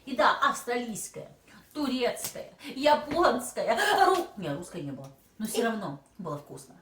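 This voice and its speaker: In an echoey room with a distant mic and faint background noise, a mother films a casual vlog with her little one, trying snacks and clowning around. Her voice is fairly high, her pace moderate, and her manner playful and animated.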